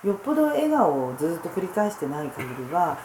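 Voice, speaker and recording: An older woman, a dentist hosting a podcast, explaining in a casual, animated way with many fillers. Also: lowish voice, fast talker, noisy background. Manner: animated storyteller who acts out quotes, with fillers. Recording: roomy echoey recording.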